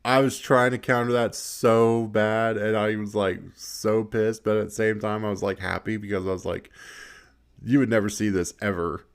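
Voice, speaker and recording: A man's voice: lowish voice, flat delivery, normal speed, hardly any pauses, smooth. A man giving casual gameplay commentary, swearing a lot, laughing often and rambling with restarts. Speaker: gaming video creator.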